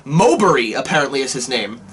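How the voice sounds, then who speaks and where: A man's voice: mid-range voice, very animated, fairly quick, a bit bright, slight background noise. A man co-hosting a film review podcast, talking casually and animatedly, swearing often.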